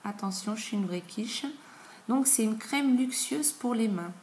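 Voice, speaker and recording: A woman in her thirties talks through beauty products in a relaxed, chatty way and often pauses on fillers. Her voice sits at a middle pitch. It is recorded on a camera mic in an echoey room at home, with faint noise behind her. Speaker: beauty vlogger. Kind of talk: casual product review.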